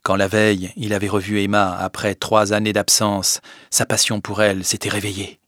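A man with a low voice reads a classic novel aloud in measured, expressive phrases, sinking quiet on each speech tag. The sound is dry and close, with no room around it. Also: no room sound. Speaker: narrator. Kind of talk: audiobook reading of a classic novel.

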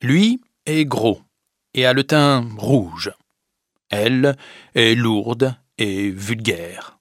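A man narrating a story with a slow, clear, deliberate reading. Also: mid-range voice, no room sound, studio quality. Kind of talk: scripted audiobook narration.

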